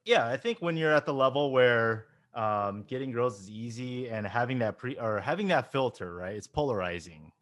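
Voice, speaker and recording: A man's voice: mid-range voice, animated, moderate pace, few pauses, fairly bright tone, dry recording, studio quality. Easygoing man hosting an interview. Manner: easygoing questioner, hesitant fillers. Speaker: host and dating coach. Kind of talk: casual interview.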